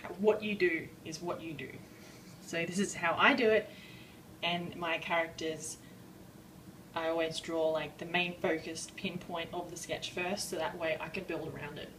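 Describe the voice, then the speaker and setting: A woman giving a casual drawing tutorial, rambling and self-deprecating with many fillers, a bit out of breath and clearing her throat. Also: lowish voice, fairly even intonation, normal speed, fairly bright tone, recorded from a distance, slight background noise, poor audio. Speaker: art tutorial maker.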